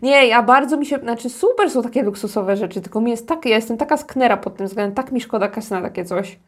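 A woman's voice: on the high side, fast, breathy edge. A woman chatting casually as a podcast co-host, talking colloquially and often repeating her words of agreement. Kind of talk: casual chat.

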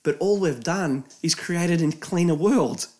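A man's voice: fairly high pitch, measured pace. A man in casual conversation, arguing his point with swearing and laughter. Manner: animated, argumentative, swears and laughs. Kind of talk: casual chat.

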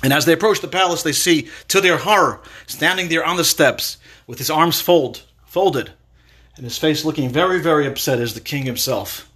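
A man's voice: a little high, moderate pace, fairly bright tone, breathy edge. A man giving a Torah lecture, telling a parable and repeating words for emphasis. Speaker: Torah teacher.

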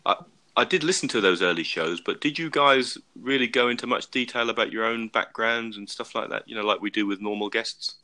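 Playful British co-host, low-ish voice with a bright, forceful edge, rambling chat. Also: male voice, brisk. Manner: rambling, playful, restarts a lot. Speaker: podcast co-host. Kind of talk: casual chat.

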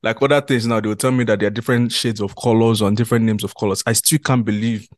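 A man's voice: lowish voice, steady tone, fast talker, no room sound, clean studio sound. A young adult man co-hosting a casual podcast chat, playful and joking, often mocking himself.

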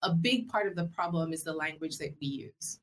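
A woman hosting an interview show in a measured, deliberate style. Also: sits low.

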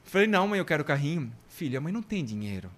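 A slightly high-voiced man tells a funny childhood story. He talks casually and with animation, putting on voices for the people in it and laughing along as he goes. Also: rapid-fire. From Brazil. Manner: lively anecdotes, mimics voices and laughs often. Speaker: priest guest telling a childhood story.

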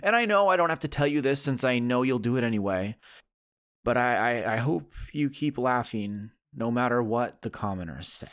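A man reading a poem in character as a sarcastic adult male sitcom character, rising in pitch on the refrains. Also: lively intonation, normal speed, fairly bright tone. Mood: earnest.

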